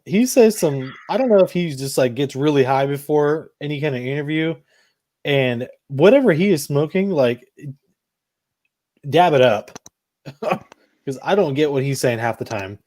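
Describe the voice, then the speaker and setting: A man's voice: on the high side, expressive, normal speed, mellow. A man from Florida hosting a podcast, chatting casually and joking with movie quotes. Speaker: podcast host. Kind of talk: casual chat.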